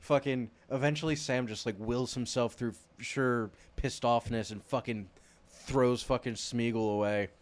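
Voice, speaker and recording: A man's voice: medium pitch, steady tone, measured pace. A man co-hosting a casual chat, swearing constantly as he retells a story and acts out scenes in silly voices. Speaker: podcast co-host.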